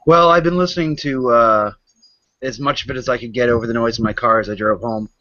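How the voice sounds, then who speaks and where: A man's voice: mid-range voice, brisk, bright, forceful tone, no room sound. A man joining a casual podcast as a guest, chatty and self-assured, on a dull lo-fi recording.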